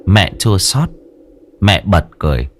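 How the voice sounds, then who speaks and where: Over faint background music, a man narrates a horror story in an unhurried, very animated way, tense and dramatic with wide pitch swings. There's a little hiss or hum in the recording.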